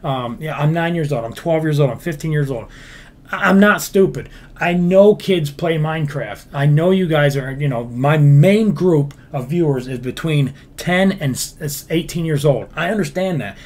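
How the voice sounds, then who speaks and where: His voice sits on the high side with a somewhat dark tone, and he speaks at normal speed. As a game-building livestream host, he reads chat comments and responds bluntly, cursing often and rambling with many fillers and restarts.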